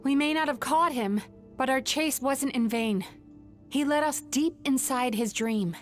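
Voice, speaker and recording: Game role: calm, determined young woman, slightly high voice, earnest explainer, music behind. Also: a little slow. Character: calm, resolute young woman who eats nightmares for a living. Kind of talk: video game voice acting.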